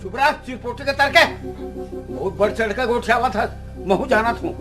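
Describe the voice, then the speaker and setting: A man's voice: extremely high pitch, normal speed. A man with a Chhattisgarhi accent acting a grumbling, argumentative husband in a comedy sketch. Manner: grumbling, argumentative, sometimes shouting. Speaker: comic actor playing a quarrelling husband. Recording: loud background music.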